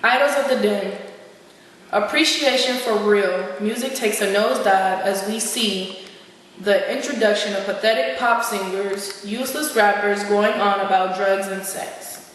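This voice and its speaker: A woman's voice: mid-range voice, steady tone, unhurried, a little hiss or hum, natural voice. A woman playing a sassy slang-slinging old philosopher. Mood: ranting. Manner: ranting, slangy, indignant. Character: sassy slang-talking male philosopher, indignant. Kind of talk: amateur skit role-play. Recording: echoey hall from far off.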